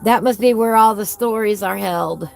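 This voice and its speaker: The host of a coloring book channel chats casually on a live stream while leafing through a book, with soft music playing behind her. Her medium-pitched voice is gravelly and darkish, at a moderate pace. Her S sounds whistle, and she exclaims in a folksy, gushing way.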